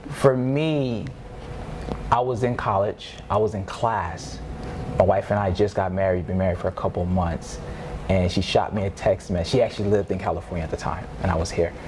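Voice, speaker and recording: A man in his thirties, a father on a discussion panel, telling a story in a lively way with laughing asides. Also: sits low, moderate pace. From Arizona. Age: 30s. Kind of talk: casual group discussion. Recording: noisy room ambience.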